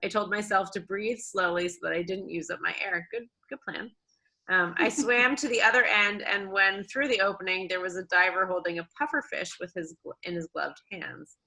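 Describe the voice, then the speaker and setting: Woman co-host, bright crisp voice, reads aloud with quips. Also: medium pitch, steady tone, normal speed, poor audio. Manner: chatty, adds asides while reading. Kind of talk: reading a submission aloud with comments.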